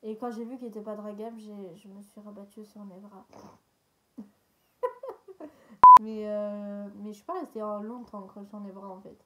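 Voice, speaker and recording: A woman's voice: mid-range voice, little pitch movement, moderate pace, long pauses, noisy background. A young woman chatting casually as she answers viewer questions, hesitant and full of fillers and small laughs. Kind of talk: casual chat.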